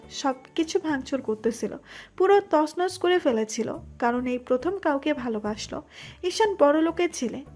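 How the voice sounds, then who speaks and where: A woman narrating a romantic audio story in a steady, dramatic manner. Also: high-pitched.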